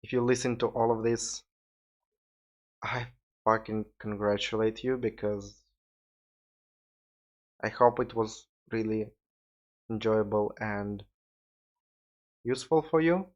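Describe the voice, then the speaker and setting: A man's voice: lowish voice, slow, long pauses, darkish tone. A man with a Russian accent hosting a casual solo podcast, rambling loosely and sounding tired. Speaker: podcast host. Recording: dull lo-fi audio.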